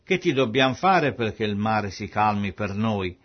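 A man reading aloud voices terrified sailors, pleading and alarmed, with his voice rising higher. The recording sounds muffled and lo-fi. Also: expressive, measured pace. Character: terrified group of male sailors. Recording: dull lo-fi recording.

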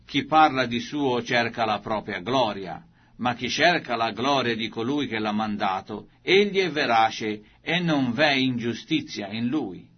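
A man reads the part of a grave male teacher who speaks to a crowd with slow, weighty emphasis. The voice is husky, at a middle pitch. The recording is muffled and lo-fi, in the manner of an old scripture reading. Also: lively intonation. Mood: solemn. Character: solemn male religious teacher addressing a crowd.

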